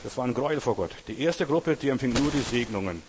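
A man preaching a sermon, asking his listeners direct questions and swinging between quiet stress and loud raised lines. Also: medium pitch, lively intonation, quick pace, very noisy. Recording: long hall reverb.

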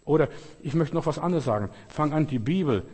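Husky preaching man in a church. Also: fairly high pitch, animated, a little fast, darkish tone, in a large hall. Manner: emphatic preaching, repeating phrases, quoting scripture. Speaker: pastor. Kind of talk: sermon.

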